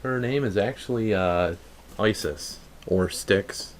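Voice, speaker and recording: A man's voice: on the low side, slow. A man hosting a paranormal livestream with casual, off-the-cuff live commentary. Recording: faint background noise.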